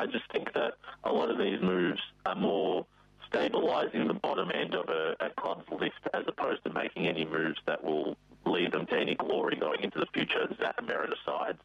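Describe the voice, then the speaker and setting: A man's voice: extremely low pitch, fairly even intonation, gravelly, fairly bright tone, no echo. A man talking sport in casual chat over a remote call, his connection breaking up and dropping out. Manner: measured, thinks aloud with small restarts. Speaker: podcast co-host. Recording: dull, dry, lo-fi call audio.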